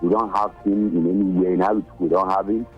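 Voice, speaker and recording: A man calling into a radio show, earnest and halting as he asks his question. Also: deep voice, fairly even intonation, soft background music. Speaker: radio caller. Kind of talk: phone-in call. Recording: dull phone line into radio.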